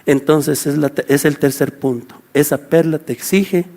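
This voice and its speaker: A man's voice: fairly high pitch, normal speed. A male pastor with a Guatemalan accent preaching a sermon, addressing the congregation and acting out the voices of the people he quotes. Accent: Guatemalan Spanish. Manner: animated, acts out quoted voices, calls out to the congregation.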